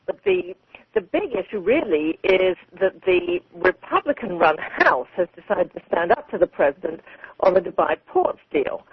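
A woman's voice: lowish voice, sing-song, moderate pace, breathy edge. A woman correspondent reporting live on radio over a landline home phone, thinking aloud with many ums and restarts. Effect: heard over a landline home phone. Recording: crackly narrow landline phone audio.

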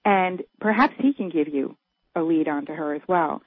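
A woman's voice: low voice, dry recording. Radio call-in caller, woman, heard over a tinny dry phone line, earnest and pushing, casual with restarts. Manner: earnest and urging, with quick restarts. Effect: heard over a phone line on a radio show.

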